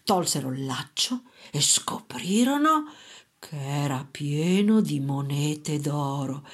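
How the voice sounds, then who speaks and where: A woman narrating a fairy tale at a very slow, unhurried pace. Her telling is gentle and expressive, drawing out each phrase. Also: low-pitched, breathy edge. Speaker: storyteller. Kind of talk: storybook narration.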